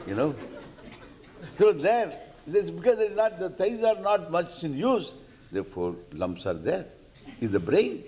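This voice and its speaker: A man's voice: fairly high pitch, darkish tone, slight background noise. A man with an Indian accent giving a spiritual discourse as a teacher, playful, repeating phrases and acting out questioners. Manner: halting, repeating phrases for emphasis.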